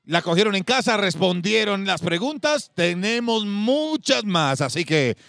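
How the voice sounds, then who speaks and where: A man hosting a TV game show, excitable and exclamatory, talking to the viewers at home. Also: high-pitched, measured pace, gravelly, no echo.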